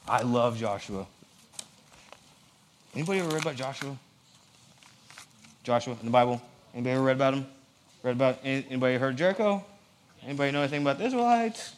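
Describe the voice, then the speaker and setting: Joking, animated preacher man. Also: mid-range voice, fast talker, long pauses, a little hiss or hum. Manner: animated, joking asides to the audience. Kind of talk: casual sermon. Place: church.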